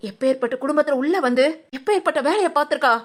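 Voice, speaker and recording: A woman's voice: high-pitched, fast talker, lightly acted. A woman playing a domineering mother-in-law who harshly scolds her daughter-in-law in a village family drama. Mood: scolding.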